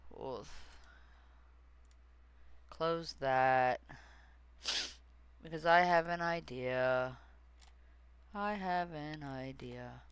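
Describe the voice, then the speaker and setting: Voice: medium pitch, extremely slow, pauses often, clean tone, dry recording. A streamer chatting casually with viewers, rambling and easily sidetracked while working on screen, with many fillers and restarts. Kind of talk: casual livestream chat.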